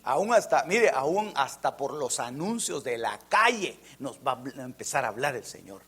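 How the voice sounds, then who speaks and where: A man preaching a fervent sermon, jumping from loud emphatic lines to near-whispers and often addressing listeners as brother. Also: mid-range voice, big pitch swings, moderate pace, husky. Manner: keeps calling listeners "hermano".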